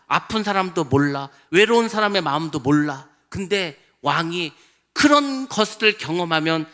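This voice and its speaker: A man's voice: high voice, pushed and bright. A male pastor preaching a sermon in an emphatic way, often acting out quoted voices.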